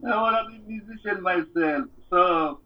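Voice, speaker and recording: Earnest male musician guest with a raspy voice, heard far off over a remote line. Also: sits high, normal speed, dull audio. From Democratic Republic of Congo. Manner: earnest, plain-spoken storyteller. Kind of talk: casual interview storytelling. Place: home living room. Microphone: remote call.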